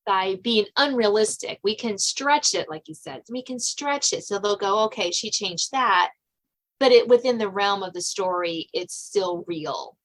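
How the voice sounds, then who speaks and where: Heard over poor audio, this woman has a mid-range voice and an unhurried pace. An American suspense novelist and podcast host, she conducts a casual interview, chatting and rambling with filler phrases, "you know" chief among them.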